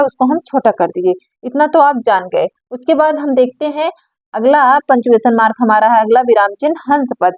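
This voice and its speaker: A woman teaching a grammar lesson, explaining slowly and repeating words for her viewers. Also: high voice, no echo. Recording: dry, dull lo-fi recording.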